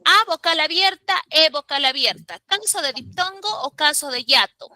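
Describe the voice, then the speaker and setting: A woman's voice: sits high, expressive, normal speed, sharp tone, rough recording. A woman teacher leading a classroom grammar lesson, emphatic and quizzing her students step by step. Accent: Peruvian Spanish.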